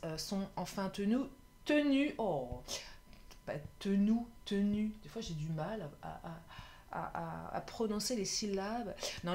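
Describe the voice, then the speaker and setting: A woman's voice: mid-range voice, a little mellow, a little hiss or hum. A woman doing a casual love tarot reading, chatty and often laughing, sometimes tripping over her words. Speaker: tarot card reader.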